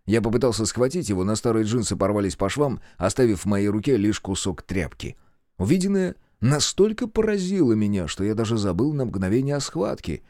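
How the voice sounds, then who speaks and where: A man narrating a first-person story in an animated storytelling manner. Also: fairly low pitch, a little fast, no echo, clean studio sound. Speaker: audiobook narrator.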